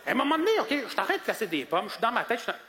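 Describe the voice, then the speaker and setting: A male stand-up comedian with a Québécois accent, telling stories at a comedy gala and acting out customers in high voices. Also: very animated, very fast. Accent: Québécois French. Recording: live hall reverb, faint noise.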